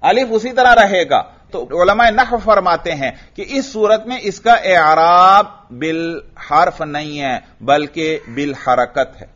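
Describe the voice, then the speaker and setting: A man with a Pakistani Urdu accent teaching Arabic grammar in a classroom lecture, asking questions and answering them himself, and reciting Arabic examples slowly. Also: high voice, a bit bright. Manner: drills students with questions and answers. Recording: dull lo-fi recording.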